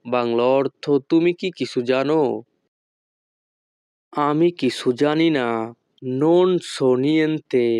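Slow, deliberate male language teacher. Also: fairly high pitch, darkish tone, clean tone, no room sound. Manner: slow and deliberate, repeating each phrase. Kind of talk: scripted language lesson.

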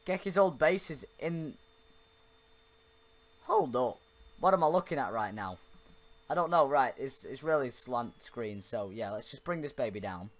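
Chatty young gaming YouTuber. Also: male voice, mid-range voice, lively intonation, a little slow, pauses often. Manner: chatty, yelps and laughs at mishaps. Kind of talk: casual gameplay commentary. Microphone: desk microphone spoken into closely.

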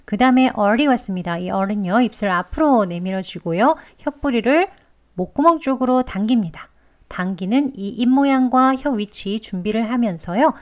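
A woman teaching English pronunciation, explaining patiently and modelling sounds slowly. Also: on the high side, lively intonation. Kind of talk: pronunciation lesson.

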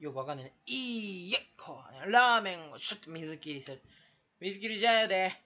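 A man from Kanto rambling alone as a YouTuber, goofing around in a put-on Kansai dialect and jumping between quiet mutters and loud outbursts. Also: fairly high pitch, lively intonation, fast talker, dull audio. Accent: put-on Kansai dialect over Kanto speech. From Kanto, Japan. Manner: goofy, jumpy, abrupt swings in loudness. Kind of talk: rambling solo chat.

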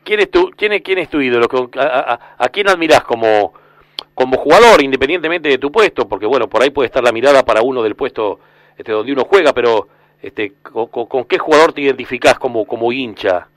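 Argentine man, radio sports host, mid pitch, dry close sound, loose rambling questions. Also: lively intonation, a little fast, no echo. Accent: Rioplatense Spanish. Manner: rambling questions with many restarts. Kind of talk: casual radio interview.

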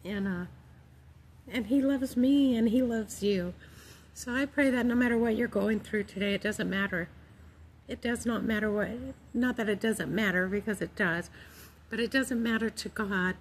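Outdoors in a park among the trees, a calm middle-aged woman vlogger chats gently about her faith to a phone held at arm's length. Her medium-pitched voice is unhurried, and background noise comes through the recording.

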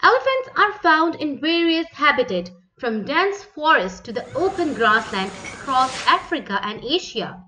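Bright, high-pitched woman narrating kids' nature documentary. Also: sing-song, normal speed, hardly any pauses, slight background noise, rough recording. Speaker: narrator of a children's educational animal video.

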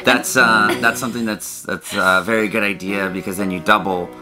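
A man's voice: fairly low pitch, fairly even intonation, moderate pace. A man in his thirties talking casually to camera as a vlog co-host, explaining things from inside a small trailer. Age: 30s. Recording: soft guitar music behind the voice.

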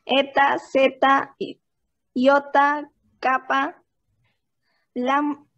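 A woman with a high voice recites very slowly and carefully, as if working her way through a list. Her sound is dull and muffled, coming over a video call. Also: level tone, fairly bright tone. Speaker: student.

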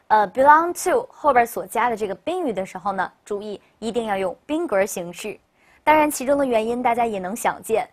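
A woman teacher leads a recorded English vocabulary lesson, explaining in Chinese in a bright, chatty way. She often drops in a cheerful "OK" as she moves on. When she models a word, she stretches it out slowly so learners can repeat after her. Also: fairly high pitch. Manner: upbeat, chatty classroom delivery with frequent "OK, 好的".

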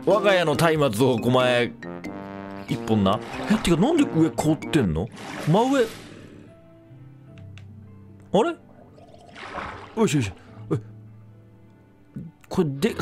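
A man giving casual, excitable commentary over his own gameplay, breaking into panicky repeated exclamations. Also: a little high, measured pace, pauses often, music in the background. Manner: playful self-introduction with a mock-dramatic recap. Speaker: game commentator.

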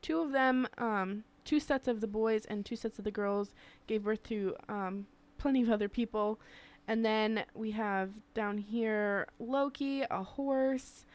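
A woman with a slightly high voice chats on a casual podcast. She talks loosely, with plenty of fillers, and laughs easily while working through a list of names. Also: a little slow, hardly any pauses, darkish tone.

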